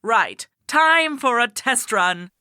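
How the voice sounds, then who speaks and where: A woman's voice: fairly high pitch, expressive, slow, pushed and bright, smooth, no room sound, clean studio sound, heavily acted. A woman voicing a scheming female alien disguised as a teacher, bossy and commanding. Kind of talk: amateur audio drama.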